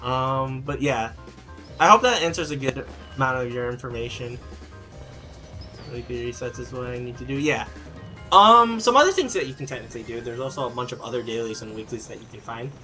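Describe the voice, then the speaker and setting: With soft music playing behind him, a man streaming a game answers chat in an animated, slightly fast voice that is mid-range, bright and forceful. He rambles casually, using plenty of fillers and restarting often.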